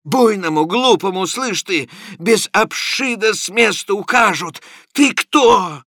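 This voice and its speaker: A man voicing a rowdy, bullying clerk who shouts drawn-out accusations. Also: high voice, animated, no room sound, clean studio sound, pitched above the performer's own voice, full character voice. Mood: accusing.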